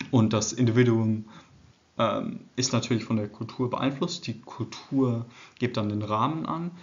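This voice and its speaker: A man's voice: on the low side, highs cut off. Hesitant young man lecturing over slides. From England. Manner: hesitant, many fillers and restarts. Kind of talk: recorded slide presentation. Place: indoor room.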